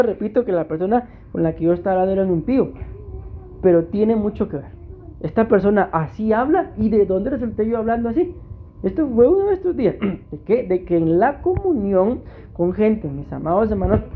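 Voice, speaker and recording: Costa rican pastor guy preaching, warm soft tone, keeps calling out to the church. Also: high voice, expressive, a little fast, a little hiss or hum. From Costa Rica. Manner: preaching, repeatedly addressing the congregation. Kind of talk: sermon.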